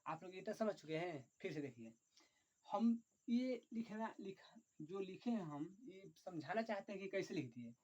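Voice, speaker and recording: A man teaching an online chemistry lesson, dictating slowly and repetitively, often saying "look" and counting aloud. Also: high voice, animated, a little mellow. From Bihar, India. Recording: dull lo-fi recording.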